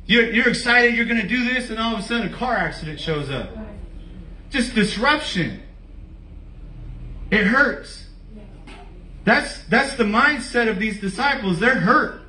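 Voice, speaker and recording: A male pastor preaching a lively, conversational sermon with casual slang and direct questions to the congregation. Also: sits high, measured pace, pauses often, recorded from a distance, slight background noise. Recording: echoey room, voice from off-mic.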